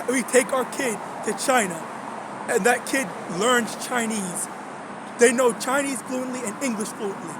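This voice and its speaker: Over a noisy background, a religious vlogger speaks in an extremely high voice. The young man's monologue is loose and rambling, full of restarts, repeated words, fillers, and frequent "okay?" checks.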